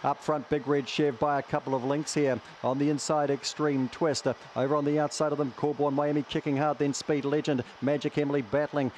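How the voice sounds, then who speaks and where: A man's voice: a little high, flat delivery, fairly quick, few pauses, darkish tone, a little hiss or hum. A man with a broad New Zealand accent calling a greyhound race in live commentary.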